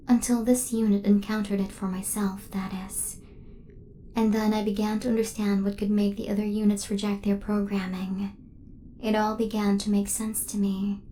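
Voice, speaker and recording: In a soft-spoken ASMR roleplay, a woman plays a devoted, protective female hunter robot, her phrasing formal, precise, and machine-like. Her voice is mid-range and natural, with a faint hiss or hum in the background.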